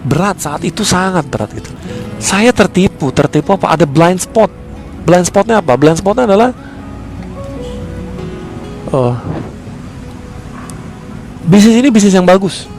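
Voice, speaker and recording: A man's voice: high voice, expressive, unhurried, long pauses, darkish tone, soft background music. A man speaking, giving a motivational sales-coaching talk. He is emphatic and keeps asking rhetorical questions and answering them himself.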